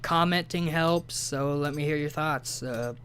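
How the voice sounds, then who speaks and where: Man, rambling gameplay commentary, stammering, fillers, somewhat high pitch, faint background noise. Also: steady tone, measured pace, fairly bright tone. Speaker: gaming video creator. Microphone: home mic without pop filter.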